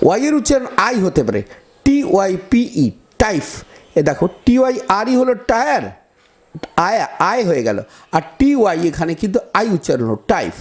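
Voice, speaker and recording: A man with a high-pitched voice and big swings in pitch teaches a pronunciation lesson. He spells words out letter by letter, speaks straight to his students, and repeats words slowly.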